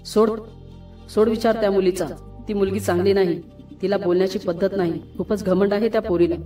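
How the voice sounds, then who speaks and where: A woman's voice: medium pitch, steady tone, normal speed, mellow, natural voice. Woman voicing a brash young man friend. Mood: irritated. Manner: familiar and teasing, turns curt. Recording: roomy, distant, music behind.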